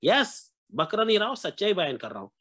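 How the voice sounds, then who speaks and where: A man's voice: high-pitched, big pitch swings, a little fast, fairly bright tone. A middle-aged man from Maharashtra, earnestly sharing his recovery story with a meeting. He keeps calling his listeners friends and mixes in English words. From Maharashtra, India.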